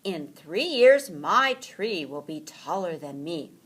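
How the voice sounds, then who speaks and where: A woman's voice: on the low side, sing-song, slow pace, slight background noise. A woman voicing a proud, know-it-all young female beaver in a children's story, explaining matter-of-factly.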